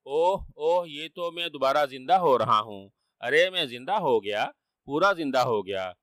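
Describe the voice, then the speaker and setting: Guy doing a sneaky trickster whining that he's dying, bright dry voice. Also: medium pitch, animated, no room sound, lightly acted. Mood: sly. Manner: sly, whining, playacting. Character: wily trickster man feigning death.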